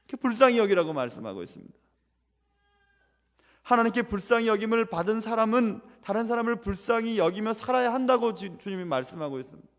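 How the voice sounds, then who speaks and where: A man's voice: sits high, lively intonation, fast. A male pastor delivering a sermon in a church sanctuary, preaching with an earnest, repetitive cadence. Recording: long church-hall reverb.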